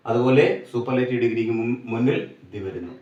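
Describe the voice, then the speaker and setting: A man with a Malayali accent teaches a grammar lesson for exam students, asking questions and then answering them himself. He slows down to spell out English examples. His voice is mid-pitched and set back from the mic, in a roomy space. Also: a little mellow, recorded from a distance, lo-fi sound. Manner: explains step by step, asks and answers his own questions.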